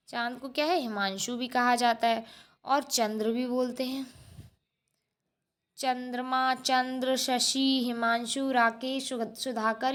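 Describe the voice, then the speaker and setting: A woman's voice: fairly high pitch, a bit bright. A woman teacher working through a schoolbook lesson, explaining step by step, repeating answers and asking the class rhetorical questions. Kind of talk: textbook lesson walkthrough.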